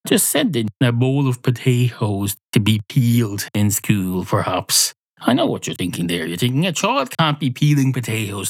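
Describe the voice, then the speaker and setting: A man's voice: mid-range voice, dry recording. A man with an Irish accent delivering a comic monologue with sardonic, mock-earnest asides.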